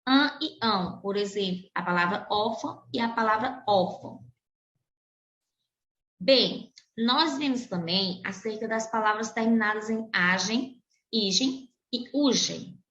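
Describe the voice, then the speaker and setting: A Brazilian woman teacher with a Brazilian Portuguese accent, reviewing a lesson for children and slowly spelling out example words. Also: medium pitch, a bit bright. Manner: slow, deliberate pronunciation of example words. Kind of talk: recorded classroom lesson for children. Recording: roomy, dull lo-fi recording.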